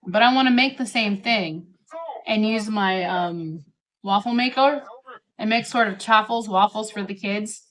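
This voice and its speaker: A woman's voice: medium pitch, unhurried, fairly bright tone, low-quality recording. A middle-aged woman chats casually to camera while eating a steak dinner, rambling along and often quoting herself as she goes. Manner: chatty, rambling, self-quoting. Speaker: vlogger.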